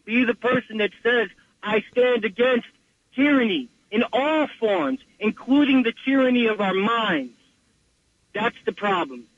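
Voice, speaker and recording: A man's voice: very high voice, animated, unhurried, no room sound. A man calling in to a radio show over a phone line, ranting passionately and restarting often. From New York. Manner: impassioned, rambling rant with many restarts. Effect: caller heard over a phone line.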